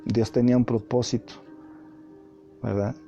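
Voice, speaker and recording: A man's voice: mid-range voice, level tone, unhurried, gravelly, dark tone. A man preaching a testimony sermon, earnest and speaking straight to the listener. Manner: earnest, direct address to listener. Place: home, livestream. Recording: muffled livestream audio with faint music.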